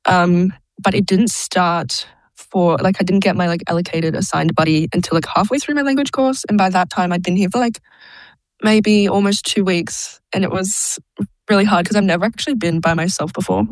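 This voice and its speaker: This low-quality recording, free of echo, captures a young adult Australian woman with a lowish voice. She's an international student in a casual interview, frequently laughing and filling gaps with "um" and "like."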